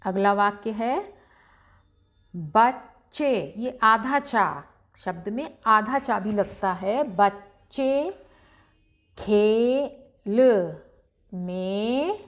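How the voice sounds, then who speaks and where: A woman teaching beginners to read Hindi, sounding each word out slowly before explaining it briskly. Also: medium pitch, expressive, fairly bright tone. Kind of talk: slow syllable-by-syllable reading lesson.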